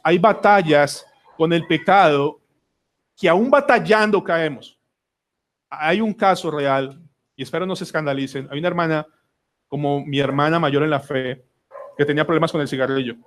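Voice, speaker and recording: A man with a Colombian accent preaching a sermon in a church, earnest, with dramatic pauses and repeated words. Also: a little high. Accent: Colombian Spanish. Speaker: pastor. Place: church sanctuary.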